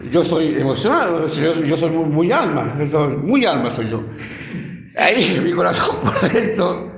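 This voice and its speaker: A middle-aged Chilean man preaches a sermon in a high voice, telling emotional stories and repeating many of his words as he goes. His voice echoes around the room.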